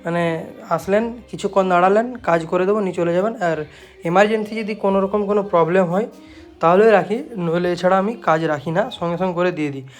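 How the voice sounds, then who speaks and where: Speaking fast in a high, steady-toned voice, with faint music behind him, a man with a West Bengal Bengali accent chats casually with viewers. He owns a repair shop and shows off his work in a casual video, repetitive and habitually adding confirming tags.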